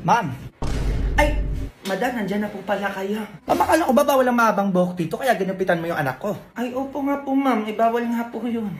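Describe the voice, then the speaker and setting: A woman's voice: fairly high pitch, slight background noise. Playful woman acting out comic skits. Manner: lively, quick character switching, bickering. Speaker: comedy sketch creator. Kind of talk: comic skits playing several characters.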